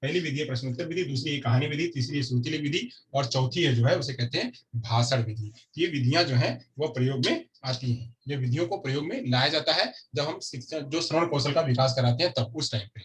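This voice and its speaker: A man's voice: mid-range voice, brisk, hardly any pauses. A man teaching a lecture class who keeps repeating key terms and asks and answers his own questions. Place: classroom with a board.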